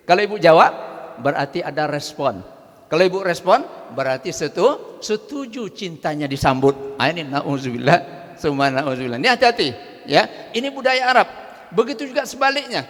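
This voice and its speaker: A man giving a lively religious talk, speaking directly to his listeners and weaving in proverbs. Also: fairly high pitch. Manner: lively, addresses audience directly, uses proverbs. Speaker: religious teacher. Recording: reverberant hall.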